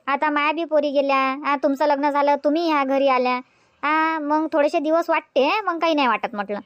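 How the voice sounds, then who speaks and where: Woman as very high cartoon village aunt, Varhadi, chatty. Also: brisk, dry recording, muffled recording, natural voice. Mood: soothing. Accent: Varhadi Marathi. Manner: soothing, gossipy, repeats "हा". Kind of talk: cartoon comedy voice acting.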